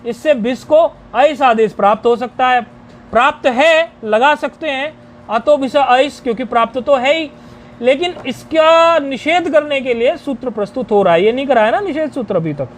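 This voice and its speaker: A man teaching a grammar lecture, explaining rules deliberately and chanting each rule syllable by syllable. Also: very high voice, expressive, a little hiss or hum.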